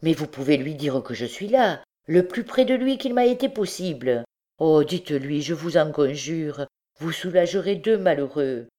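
A woman's voice: low-pitched, expressive, moderate pace, dark tone. A woman reading aloud, voicing a desperate mother who pleads fervently, her voice raised above her usual tone. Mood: pleading. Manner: fervent, imploring. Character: desperate pleading peasant mother, middle-aged.

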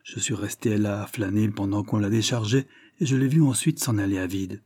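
A man's voice: on the low side, a little fast, warm tone, husky, dry recording, studio quality. A man voicing a sly, ragged young boy who pleads and wheedles. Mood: pleading.

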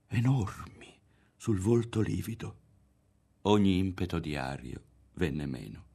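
A man reading a literary novel aloud in a measured, dramatic manner. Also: low voice, creaky, husky. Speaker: audiobook reader. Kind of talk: literary narration.

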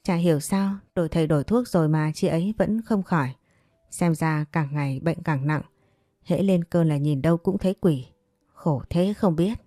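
A woman's voice: low voice, normal speed, warm tone, no echo, studio quality. A woman voicing a scheming second wife who speaks in a sugary, coaxing way. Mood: sweetly scheming.

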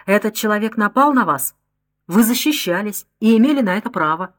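A woman voicing a calm male doctor in an audiobook, speaking in a hushed, soothing way. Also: medium pitch, a little fast, close to an everyday voice. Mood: grave.

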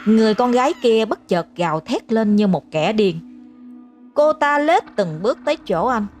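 Brief: female narrator for a ghost story, even and steady, faint music underneath. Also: a little high, moderate pace.

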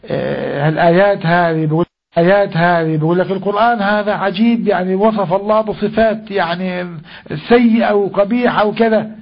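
An older man teaches a Quran lesson to a class. He puts questions to the class, answers them himself, and draws verses out slowly. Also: high voice, husky, lo-fi sound.

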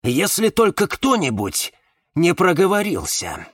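A hot-tempered man who explodes into yelling, voiced by a male narrator. Pitched up and loud, swinging hard between words. Dry close sound. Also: huge pitch swings, measured pace, no room sound, heavily acted. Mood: furious.

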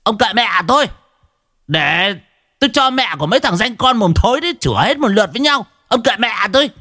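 A man's voice: extremely high pitch, expressive, fairly quick, bright, forceful tone, pitched above the performer's own voice, exaggerated voice. A man voicing a hot-tempered young man who shrieks insults. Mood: screaming furious. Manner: shrieking, ranting.

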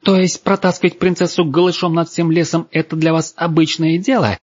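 Man voicing a shrill young woman, haughty, furious, high and shrieking, dull lo-fi sound. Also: big pitch swings, a little fast, darkish tone, slightly rough, no echo. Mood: outraged. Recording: dull, dry lo-fi recording.

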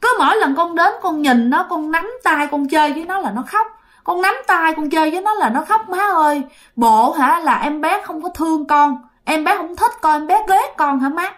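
A woman voicing a young woman's ghost who pleads tearfully with her mother, her voice pitched up and rising. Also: lively intonation, moderate pace, fairly bright tone. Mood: tearful pleading. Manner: sobbing, pleading, high and rising.

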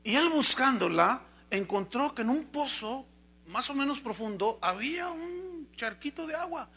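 A man preaching a sermon as pastor, telling a fable with animated storytelling. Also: very high-pitched, normal speed, husky.

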